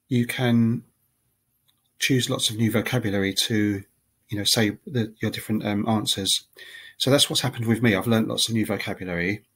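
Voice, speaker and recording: A language-learning vlogger with a lowish voice talks casually to the camera. He's chatty and relaxed, working through numbered points with frequent ums and restarts.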